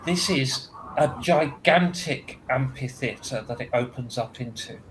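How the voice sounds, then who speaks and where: A man acting as game master, describing scenes in a tabletop game slowly with frequent ums and uhs. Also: mid-range voice, noisy background. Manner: slow, halting with ums and uhs.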